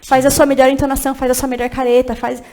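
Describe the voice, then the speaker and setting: A woman with a fairly high voice talks animatedly about leading children's church work. She laughs easily and presses her points with emphatic, preachy encouragement in a casual podcast chat. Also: little pitch movement, quick pace, dark tone. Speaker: children's ministry director, podcast guest.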